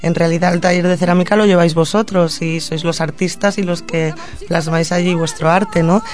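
A woman from Madrid, a social educator and puppeteer, answering questions as a guest in a radio studio in an earnest, reflective way, pausing to gather her thoughts. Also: fairly low pitch, steady tone, darkish tone. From Madrid, Spain.

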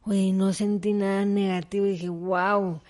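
A woman's voice: mid-range voice, normal speed. A middle-aged woman, telling personal stories as an interview guest and acting out the dialogue. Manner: animated storyteller, acts out dialogue. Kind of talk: personal storytelling in conversation.

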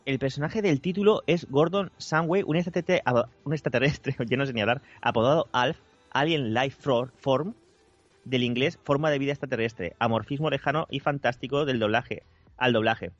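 A man's voice: medium pitch, normal speed, dry recording. A man co-hosting a casual podcast, joking around in a playful way and fond of making silly noises. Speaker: podcast co-host. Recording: dull, dry audio.

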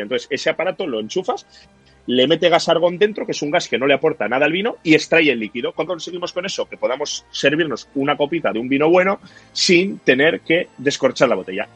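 Husky-voiced man telling a long story. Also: on the high side, animated, quick pace, a bit bright, no echo, soft background music. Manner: chatty storyteller, explains at length. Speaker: podcast guest, wine enthusiast. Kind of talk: casual podcast chat.

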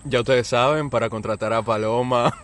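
Podcast co-host: man, Dominican accent, average pitch, slangy, joking, relaxed chat format. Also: fairly quick. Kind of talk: casual bantering chat.

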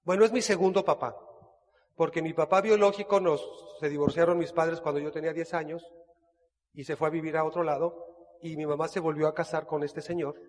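A Mexican man tells a personal story in a relaxed, conversational way. He acts out the dialogue and often restarts his sentences. His voice sits high, and a long hall reverb trails each phrase. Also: a little fast. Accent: Mexican Spanish. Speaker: business speaker sharing his life story. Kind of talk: casual storytelling talk.

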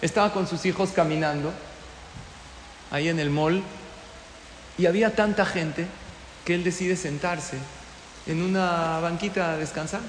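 A man giving a storytelling sermon, an animated teacher who keeps asking his listeners questions. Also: on the high side, a little slow, long pauses, slight background noise. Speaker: religious teacher. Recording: echoey hall with long reverb.

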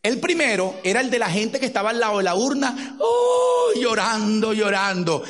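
Animated high-voiced man preaching. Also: fast. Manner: animated storytelling with acted-out quotes. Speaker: pastor. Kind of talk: sermon.

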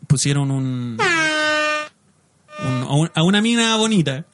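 A Chilean man with a Chilean Spanish accent, co-hosting a casual podcast chat in a relaxed, joking, slangy way. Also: fairly high pitch, a little slow, music in the background. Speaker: podcast co-host.

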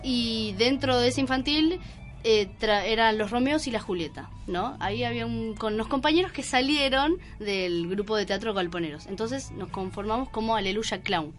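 A woman from Buenos Aires province, Argentina, with a Buenos Aires accent and a fairly high voice, is a clown theatre performer appearing as a guest in a radio studio. She explains things haltingly in the casual interview, checking she's being followed, while music plays in the background.

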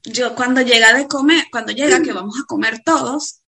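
A woman's voice: fairly high pitch, moderate pace, sharp tone. A woman chatting casually with other mothers, explaining how she gets her daughter to talk. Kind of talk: casual chat among mothers.

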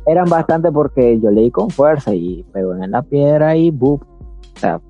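A man's voice: on the high side, a little slow, husky, lo-fi sound, soft background music. A young man with a Nicaraguan Spanish accent telling a childhood story in a casual chat, acting out the voices of the people in it. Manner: animated, acts out voices in his story.

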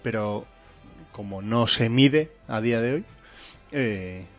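A man's voice: mid-range voice, slow pace, faint music behind. A man who co-hosts a stream, reading viewer comments aloud and chatting casually. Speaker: co-host.

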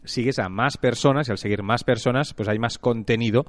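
A man's voice: mid-range voice, fairly quick, dry recording. A man chatting casually as the co-host of a podcast.

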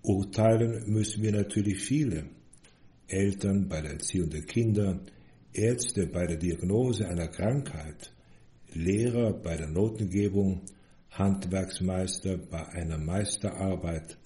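A man giving an earnest, measured sermon as a priest. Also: deep voice, dark tone. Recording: echoey room.

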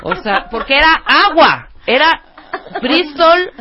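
A lively Mexican woman tells a story on a radio show, her voice jumping high and low as she acts out every part. She sits a bit high in pitch, and the recording sounds slightly dull, with faint music underneath. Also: slow pace, noisy background. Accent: Mexican Spanish. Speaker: co-host. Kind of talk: casual storytelling chat.

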